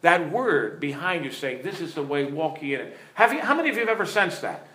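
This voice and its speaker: Speaking in a sing-song, fairly bright and high-ish voice at a brisk clip, a middle-aged male pastor teaches through stories. He earnestly puts questions to his audience, and the room echoes.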